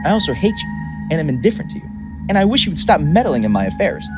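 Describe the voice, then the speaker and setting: A man's voice: fairly high pitch, very animated, fast talker, voice pushed up. A man playing a theatrical chaos god. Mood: wry, confiding. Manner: theatrical, boastful, then chatty and wry. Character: grandiose, mercurial chaos god toymaker. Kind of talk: dramatic reading. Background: music.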